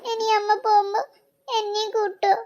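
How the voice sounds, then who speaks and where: A woman performing a comic family skit, switching quickly between scolding, teasing and calling out to children. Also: very high-pitched, monotone, darkish tone, muffled recording. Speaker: comedy sketch performer.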